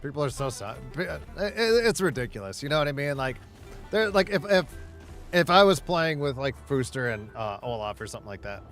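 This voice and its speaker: A man's voice: mid-range voice, sing-song, brisk, fairly bright tone, faint music behind. A man chatting casually with a friend while gaming, rambling and swearing heavily, with many restarts.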